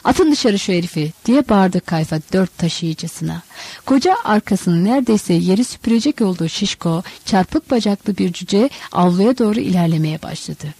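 A woman reading a novel aloud as audiobook narrator, measured and expressive. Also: fairly low pitch, husky, no echo.

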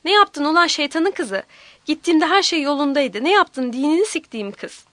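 A woman's voice: sits high, lively intonation, normal speed, a bit bright, no room sound, voice pushed up. A woman playing a fierce, foul-mouthed village aunt. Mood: rough demanding. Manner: cursing, bellowing.

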